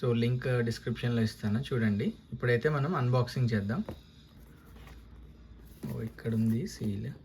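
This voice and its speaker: Pausing often, a man with a mid-range voice keeps a moderate pace while casually explaining a product unboxing and installation step by step, using some English terms. He presents it as a motovlogger. The lavalier recording is clearly noisy and picks up ambience.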